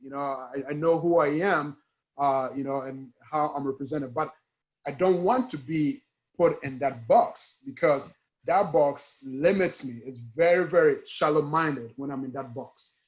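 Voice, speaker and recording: This Ghanaian engineering educator, appearing as a guest speaker, has a voice on the high side and an unhurried pace. In an earnest, conversational interview he drives points home by repeating key words and asking rhetorical questions. He speaks with a Ghanaian accent, and the recording is rough.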